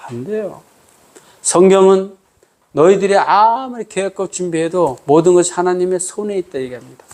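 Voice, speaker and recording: Pastor guy preaching, keeps asking the room questions, bit high voice. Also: moderate pace, darkish tone. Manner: conversational preaching with frequent call-and-response questions. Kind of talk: sermon.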